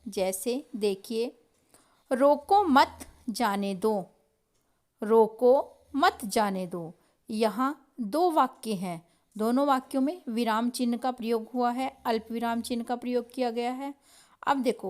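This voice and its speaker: High-voiced woman teaching children. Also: darkish tone. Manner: slow, deliberate, addresses children directly; asks the class questions and answers them. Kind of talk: children's grammar lesson.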